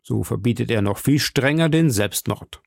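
A man's voice: medium pitch, lively intonation, moderate pace, vocal fry, no echo, studio quality. A man reading an audiobook, voicing an earnest young army officer who speaks firmly and dutifully.

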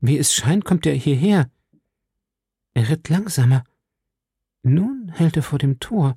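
A man voicing an excitable, trusting young woman for an audiobook, raising his voice high and breathless. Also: slow, slightly rough, dry recording, studio quality, full character voice. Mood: eager. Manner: breathless, eager, pitched high. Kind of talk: audiobook reading.

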